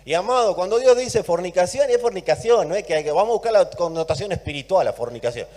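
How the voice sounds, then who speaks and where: An Argentine man preaches with a notably high voice, pressing his points hard. He swings from loud declarations to quiet asides and repeats key words to drive them home. His sermon rings out with a long reverb from the church hall. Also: expressive, quick pace. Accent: Argentine Spanish. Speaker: pastor.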